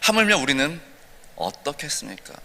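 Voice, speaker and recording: A man's voice: fairly high pitch, big pitch swings, a little fast, bright, forceful tone, slight background noise. A male pastor preaching a sermon at an early-morning prayer service, telling a story and asking the congregation questions. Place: church sanctuary. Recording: long church reverb.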